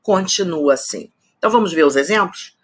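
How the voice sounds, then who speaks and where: A woman teacher giving a recorded online grammar lesson, spelling out rules slowly and checking in with her students. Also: on the low side, expressive, breathy edge. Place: studio.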